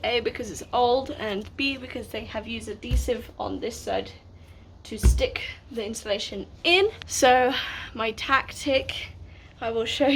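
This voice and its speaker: Chatty high-voiced woman vlogging. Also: a little hiss or hum. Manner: chatty and upbeat, talking while doing hands-on work. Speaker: vlogger converting a bus. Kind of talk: casual vlog narration.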